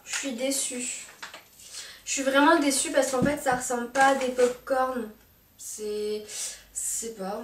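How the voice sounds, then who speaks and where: A woman vlogger chatting casually through a dog box unboxing, hesitant, with many fillers and restarts. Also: a little high. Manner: speaks affectionately to her dog. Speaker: pet vlogger reviewing a dog subscription box. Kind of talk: casual unboxing chat to camera. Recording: roomy echo, mic at a distance, faint noise.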